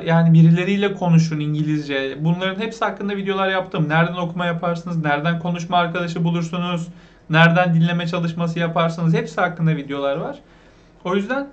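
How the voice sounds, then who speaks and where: Turkish guy teaching english words, kinda high pitched, asks questions a lot, audio a bit dull. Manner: asks the viewers questions, repeats the words slowly. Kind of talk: vocabulary lesson for beginners.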